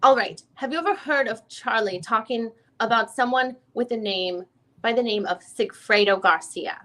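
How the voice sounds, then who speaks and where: A woman plays a lawyer examining a witness at a deposition, reading the legal transcript in a formal, methodical, probing manner. Close to an everyday voice, hers sits on the high side with a fairly bright tone and normal speed.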